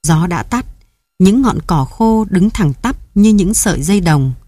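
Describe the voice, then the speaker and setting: A woman reading a story aloud in measured, even audiobook narration, pausing to read editor's notes. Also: on the low side, no echo.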